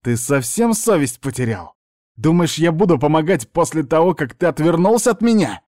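A man reading an audiobook, voicing a young blonde woman who snaps and shouts at her uncle. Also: on the high side, sing-song, moderate pace, dry recording, studio quality, pitched above the performer's own voice. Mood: angry. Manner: raised, snapping and shouting delivery. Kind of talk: audiobook character voice.

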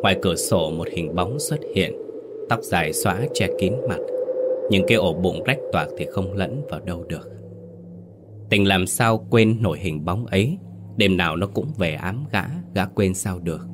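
A man with a very low voice tells a ghost story. He narrates steadily, with a dramatic edge. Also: normal speed, heavy background noise.

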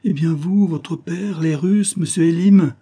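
A man voicing a flustered old manservant who gabbles out bad news in a raised, fretful voice. The tone stays mellow and a little husky. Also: on the high side, pitched above the performer's own voice. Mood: anxious. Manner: anxious, breathless, rushed. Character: flustered old male servant, fearful and fussy. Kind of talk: audiobook character voice.

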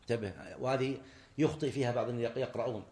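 A man's voice: mid-range voice, fairly even intonation, very fast, darkish tone, echoey room. A man teaching a religious lesson, explaining grammar point by point, repeating key words and asking his students questions. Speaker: sheikh teaching a class.

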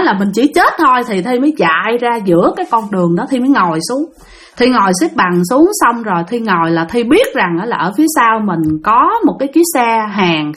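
A woman telling a spooky first-person story to her listeners, exclaiming often and calling herself by name. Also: fairly high pitch. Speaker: storyteller of spiritual experiences.

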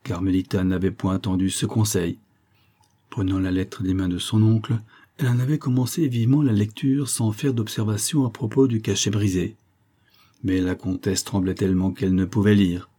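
A man reading a classic novel aloud as an audiobook narrator, in a measured, literary way. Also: on the low side, fairly even intonation, mellow.

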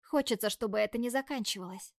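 A woman narrating a first-person audiobook in a lively, expressive reading, dropping now and then to breathy whispers. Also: a little high, quick pace, no echo, clean studio sound.

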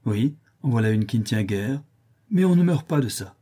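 A man reading a storybook, voicing an older aunt who scolds briskly and shrewdly. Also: mid-range voice, animated, warm tone, husky. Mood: scolding.

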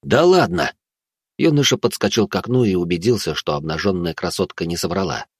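A man narrating an audiobook with a wry, even storytelling manner. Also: deep voice, fast talker, husky, no room sound, studio quality. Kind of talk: scripted narration.

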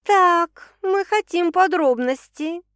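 A woman's voice: fairly high pitch, sing-song, measured pace, a bit bright, no echo. A woman voicing a playful, eager young woman teasing a friend for gossip, in a dry recording.

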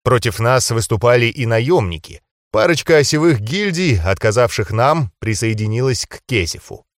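Male audiobook narrator, mid-pitched, calm and measured, dry close-mic read. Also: no echo. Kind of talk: first-person fantasy audiobook narration.

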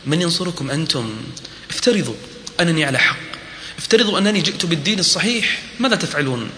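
A middle-aged man preaching a sermon that retells a prophet's story, switching between slow melodic chanting of scripture and rhetorical questions. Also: a little high, animated, pushed and bright, slight background noise. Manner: speaks in rhetorical questions and repetition. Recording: reverberant hall recording.

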